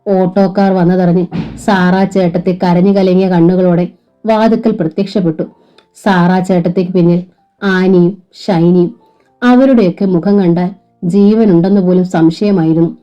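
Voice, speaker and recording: A woman reads a novel aloud with steady, emotive storytelling. Her voice is mellow and dark, the recording sounds dull and muffled, and soft music runs quietly underneath. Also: lowish voice, moderate pace. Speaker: narrator. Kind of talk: novel reading.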